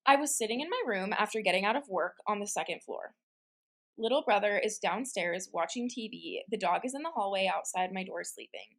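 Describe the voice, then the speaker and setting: A woman's voice: medium pitch, lively intonation, brisk. A woman co-hosting a casual chat and reading scary stories aloud, with a giggly, conversational manner full of "like". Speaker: podcast co-host.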